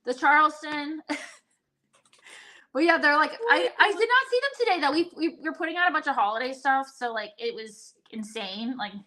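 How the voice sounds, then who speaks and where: A young woman from Virginia with a high, bright voice, rambling through casual livestream chat. She talks in loose, filler-heavy runs, often restarting her sentences. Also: lively intonation, normal speed. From Virginia, USA. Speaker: livestream co-host.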